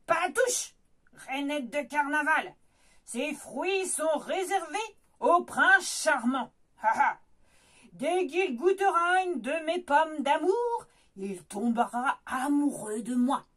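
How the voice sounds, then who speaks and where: A woman's voice: high voice, animated, takes it slowly, fairly bright tone, heavily acted. A woman voicing a vain, scheming witch who hisses and sneers. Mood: sneering. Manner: hissing, sneering.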